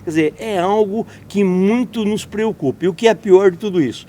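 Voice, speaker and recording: A Brazilian man with a Brazilian Portuguese accent hosts a conversational interview, speaking indignantly in long run-on sentences with many restarts. His voice is high-pitched and warm at normal speed, with a little hiss or hum in the audio.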